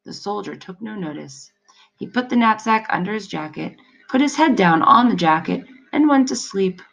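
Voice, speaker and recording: A woman narrating a storybook aloud in an expressive, measured way. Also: medium pitch, vocal fry, dull audio.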